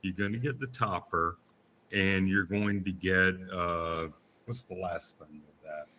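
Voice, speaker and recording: A man's voice: low-pitched, fairly even intonation, measured pace, pushed and bright, a little hiss or hum. A man talking casually as a guest on a live stream. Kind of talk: casual chat.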